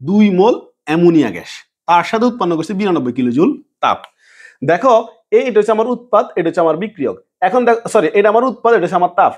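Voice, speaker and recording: A man teaching a chemistry lesson, asking the class questions and answering them himself in a lower, softer voice, repeating key words. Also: animated, very fast, slightly rough. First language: Bengali. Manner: drops to a low soft voice on answers. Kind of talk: classroom lecture.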